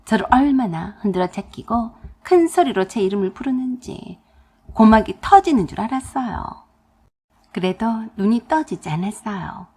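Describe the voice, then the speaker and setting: A woman's voice: medium pitch, animated, moderate pace, dark tone, slightly rough. A woman narrating a first-person radio drama story in a confiding, dry way.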